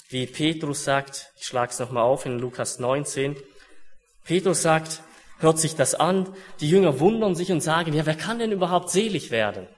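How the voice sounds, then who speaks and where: A young man preaching a sermon in an earnest way, dropping to hushed solemn words and then rising to urgent ones. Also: medium pitch.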